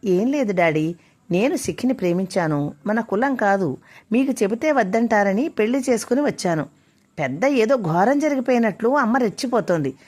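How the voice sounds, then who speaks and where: A woman's voice: medium pitch, lively intonation, moderate pace, a little mellow, close to an everyday voice. A woman voicing a defiant young grown son who speaks bluntly and insistently. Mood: firm.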